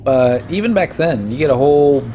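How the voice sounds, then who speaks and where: A man's voice: a little high, animated, normal speed, warm tone, soft background music. Man rambling over gameplay. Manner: rambling, anecdotal storytelling. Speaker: gameplay streamer. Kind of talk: casual gameplay commentary.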